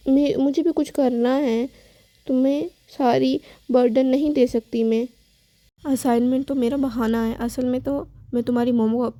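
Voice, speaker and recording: A woman's voice: sits high, mellow, no echo, close to an everyday voice. A woman reading as a scheming sweet schoolgirl.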